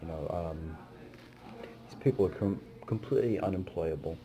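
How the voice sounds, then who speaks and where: Male vlogger, low voice, loose chatty storytelling full of fillers, slight background noise. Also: normal speed. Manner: rambling, many fillers, animated when retelling. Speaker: vlogger, busking musician. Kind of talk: casual storytelling to camera.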